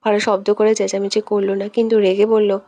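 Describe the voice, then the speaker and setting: A woman narrating a romantic audio story in a steady, expressive reading voice on a close mic. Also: mid-range voice, a little fast, dry recording.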